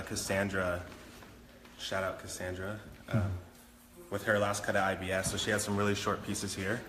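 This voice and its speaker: Male hairdresser, low monotone, laid-back and halting, echoey noisy room. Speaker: hairdresser demonstrating. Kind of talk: casual demonstration. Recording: echoey, reverberant noisy salon.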